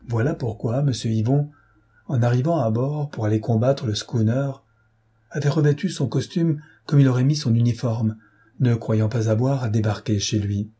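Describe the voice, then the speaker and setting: A devoted old seaman recounts a night of battle and fire in a solemn, earnest tone, as voiced by a male audiobook reader. The voice is dark and very husky, steady at a middle pitch. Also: moderate pace. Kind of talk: audiobook character reading.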